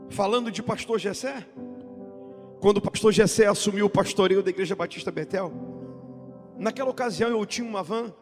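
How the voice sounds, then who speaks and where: A pastor with a high voice preaches with dramatic swings, rising into loud, almost sung lines and sinking to hushed tones. His words ring out through a long church-hall reverb. Music plays clearly beneath him. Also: brisk, pauses often. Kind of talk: sermon. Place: church sanctuary.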